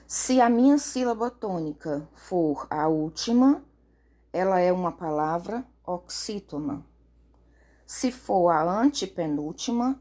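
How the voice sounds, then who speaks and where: Slow, patient woman teaching. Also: fairly low pitch, darkish tone. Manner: patient, checks in with "ok?" and "certo?", drawn-out words. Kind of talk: slow recorded lesson for children.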